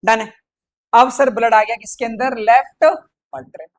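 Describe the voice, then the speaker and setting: A man's voice: very high-pitched, steady tone, normal speed. A man teaching a science lesson, chatty and playful, constantly asking questions and answering them himself. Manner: playful, chatty, mixes English terms into speech. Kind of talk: exam-prep science lecture.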